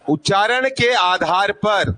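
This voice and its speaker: High-voiced man teaching slowly. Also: animated, sharp tone. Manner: asks questions and answers them himself; repeats sounds slowly to demonstrate. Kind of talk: classroom grammar lesson.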